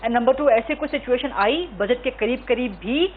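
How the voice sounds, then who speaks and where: A woman's voice: a little high, narrow, tinny audio, slight background noise. A woman hosting a political talk show, pressing her guests with pointed questions and cutting in.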